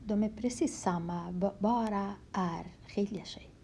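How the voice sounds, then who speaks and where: Explaining in Swedish, a woman teaches how to write Kurdish letters, speaking softly, slowly, and patiently. Her voice is medium-pitched and gravelly; she repeats words and frequently sinks to a whisper, over a slight hiss or hum.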